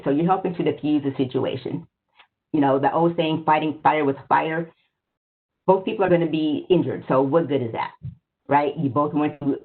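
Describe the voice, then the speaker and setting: A woman presenting a workshop on a webinar, speaking conversationally and often checking in with "right?". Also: low-pitched. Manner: conversational, asks for slides, frequent "right?". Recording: phone-like narrow audio.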